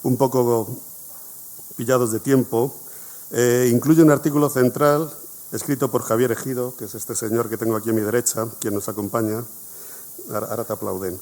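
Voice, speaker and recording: This man, the coordinator and host of a history conference, speaks off the cuff to his audience in a brisk, mid-range voice with a darkish tone and fairly even intonation. His spontaneous presentation is full of fillers and repeated words.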